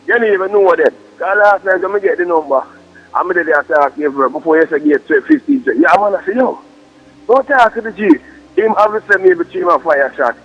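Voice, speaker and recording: A man's voice: high voice, sing-song, a little fast, gravelly. A Jamaican man talking emphatic, repetitive patois slang on a muffled three-way phone call.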